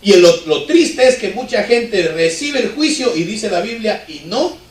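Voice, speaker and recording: A man's voice: sits high, animated, unhurried. A male pastor preaching a sermon conversationally, often asking the congregation rhetorical questions. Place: church hall. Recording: echoey church from far off.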